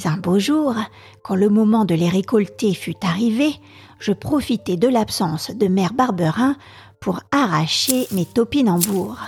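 A woman narrating a classic novel slowly and deliberately as a storytelling podcast host. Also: medium pitch. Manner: slow, soft and deliberate.

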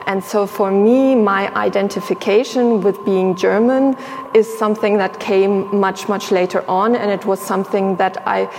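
A woman's voice: mid-range voice, fairly even intonation, darkish tone. Reflective young woman curator in a hall. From grew up in Sierra Leone and Tanzania. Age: young adult. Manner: reflective, measured, many fillers and pauses. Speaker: museum curator, guest. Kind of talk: thoughtful interview conversation. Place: exhibition space indoors. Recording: reverberant hall with faint noise.

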